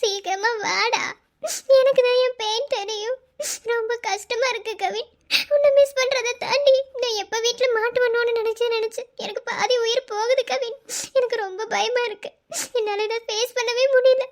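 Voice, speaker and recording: A woman's voice: very high-pitched, lively intonation, normal speed. A woman voicing a young pregnant wife in a cartoon love story, tearful and pleading as she waits for her husband to come home. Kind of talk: cartoon voice acting.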